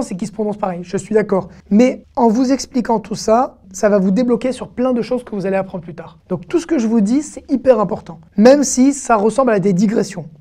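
A woman teaching an online language lesson, saying each word slowly and clearly several times before she explains it. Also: mid-range voice, mellow. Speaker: Hebrew teacher.

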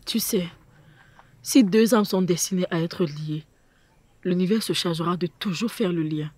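Woman as a composed mourning girlfriend, slightly husky. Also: on the low side, a little slow. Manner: composed, soft-spoken, philosophical. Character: calm grieving young woman, dead brother's ex-girlfriend.

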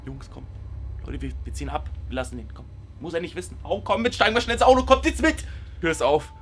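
A young man reacting to horror videos, animated and jokey, with mock fear and shouts at the screen. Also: a little high, fast talker, slightly rough. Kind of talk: reaction commentary. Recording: music in the background.

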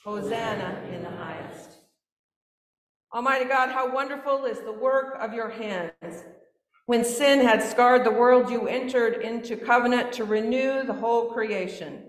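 A woman pastor leading a communion prayer in a measured, solemn intoning manner, heard with cathedral echo. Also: on the high side. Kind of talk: liturgical prayer. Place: large church sanctuary. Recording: echoey church from a distance.

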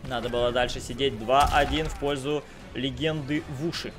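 A man's voice: mid-range voice, steady tone, moderate pace, music in the background. A young man commentating a live fighting game tournament like an announcer, with exclamatory calls and gamer slang, close on a streaming mic at home. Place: small room at home, streaming.

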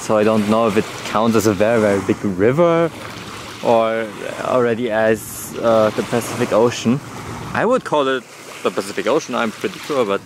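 A young man filming a casual travel vlog on a seaside island, rambling and searching for words as he talks to his action camera at arm's length. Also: mid-range voice. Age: young adult. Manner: rambling, searches for words, gushes over animals. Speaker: travel vlogger. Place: outdoors on a seaside shrine island. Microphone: action camera held at arm's length. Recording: outdoor wind and water noise. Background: water lapping and outdoor ambience.

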